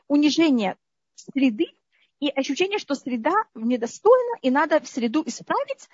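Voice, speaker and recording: A high-pitched woman from the Soviet Union, appearing as an interview guest, tells stories from her memories in a lively way, often asking her listeners "you understand?" to check they follow. The recording is dry, dull and slightly rough, as if taken from a video call.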